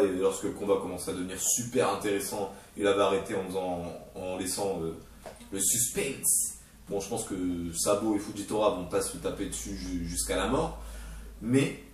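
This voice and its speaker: A man's voice: medium pitch, slight background noise. Man, casual video commentary, hesitant and rambling, voice far from the mic, very echoey room. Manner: rambling, hesitant, many fillers and restarts; excitable, playful asides. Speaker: manga review video host.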